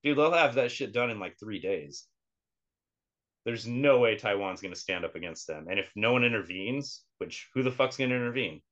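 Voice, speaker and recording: A man's voice: lowish voice, expressive, moderate pace, a bit bright, lo-fi sound. A man co-hosting a podcast in casual chat, blunt and profane, laughing often. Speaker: podcast co-host.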